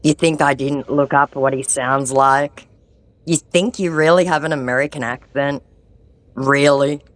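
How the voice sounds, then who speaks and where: A scam-baiting vlogger with an ear infection, this woman mocks a phone scammer sarcastically and confrontationally, then chats with her viewers. Her voice is a low rumble, unhurried, with fairly even intonation.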